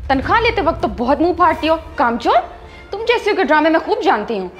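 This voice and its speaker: A woman's voice: big pitch swings, quick pace, a bit bright, faint music behind, full character voice. An actress playing a harsh, suspicious rich mistress who scolds her maid and her husband. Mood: scolding. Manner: scolding, shrill. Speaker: employer. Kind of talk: amateur drama acting.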